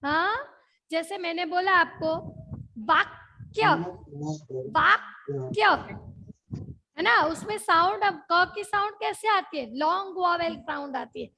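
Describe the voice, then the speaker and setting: A young woman with a Gujarati accent runs an online class, speaking at a moderate pace in a very high-pitched, sharp voice. She mixes English words in and repeats her questions to make sure the children are following.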